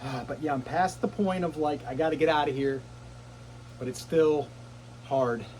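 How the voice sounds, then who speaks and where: A middle-aged man vlogs from an outdoor cold plunge barrel, breathless in the icy water as he chats casually to camera with puffs, exclamations and short phrases. His voice is a little high and slightly mellow at normal speed, and the rough recording has slight background noise.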